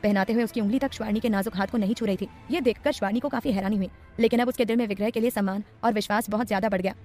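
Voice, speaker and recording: A woman narrating a romance audiobook in brisk, even storytelling. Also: medium pitch. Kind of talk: scripted narration.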